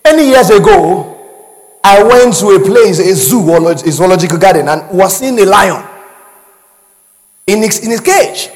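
Male pastor preaching loudly, high and animated, echoing in a big hall. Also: measured pace, pauses often. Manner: preaching with call-and-response and frequent shouting. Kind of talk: sermon.

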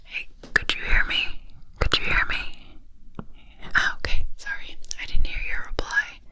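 A soft-spoken woman doing a whispered role-play for ASMR, speaking gently and slightly raspy as she gets over being sick, close to the microphone. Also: a little slow. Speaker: ASMR video creator. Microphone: close ear-to-ear ASMR microphone.

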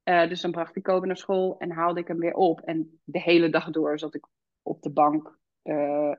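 A woman's voice: low voice, moderate pace, dry recording, muffled recording. A woman in her thirties, a podcast guest who speaks candidly and reflectively, with many hesitations. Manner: reflective, many fillers, animated when quoting her child. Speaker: podcast guest, founder and midwife. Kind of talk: candid conversational interview.

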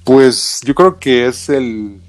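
Telling personal stories as a guest in a casual interview, this Guatemalan man speaks slowly and expressively with a mid-pitched voice. His colloquial style is dotted with small tag words, while soft music runs underneath.

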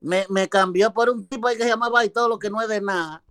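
A man's voice: high-pitched, steady tone, quick pace, a bit bright, no room sound, clean studio sound. A man voicing a lovesick rustic village farmer who rambles in a folksy, heartsick way on a radio show. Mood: lovesick rambling.

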